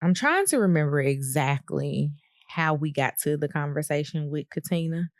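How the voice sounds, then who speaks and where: A woman co-hosting a podcast, recapping a reality TV episode in casual chat, laughing often and filling pauses with "um.". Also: low voice, no room sound, clean studio sound. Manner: laughs often, many ums, relaxed storytelling. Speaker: podcast co-host.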